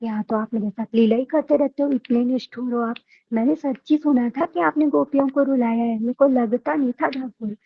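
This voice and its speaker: A woman's voice: a little high, dull audio. A woman voicing a devout woman who sulks and reproaches her god. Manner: sulking, reproachful.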